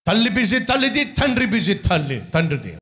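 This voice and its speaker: High, animated Telugu pastor preaching. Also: male voice, a little fast. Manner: rhetorical questioning, rising to shouts. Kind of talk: sermon and closing prayer.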